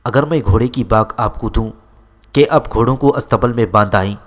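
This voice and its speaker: A man's voice: mid-range voice, lightly acted. Man reading as a gallant courteous young man.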